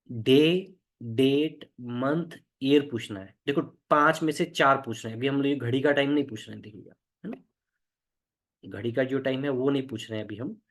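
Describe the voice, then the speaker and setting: A middle-aged man teaching a spoken English lesson, explaining through everyday stories and repeating words slowly. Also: mid-range voice.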